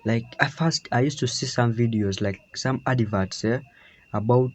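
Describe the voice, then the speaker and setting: A man's voice: medium pitch, moderate pace. A young man from Uganda casually telling his own story, rambling with frequent restarts and repeated "yeah"s. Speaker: trading vlogger. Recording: slightly dull lo-fi.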